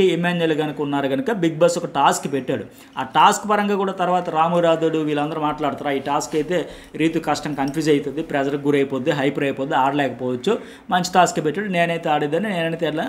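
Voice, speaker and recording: A middle-aged male journalist delivers a solo reality-show commentary at a very quick clip. His voice sits a little high for a man, and he presses his points hard, repeating words to drive them home. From India. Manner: emphatic, animated, repeats words for effect.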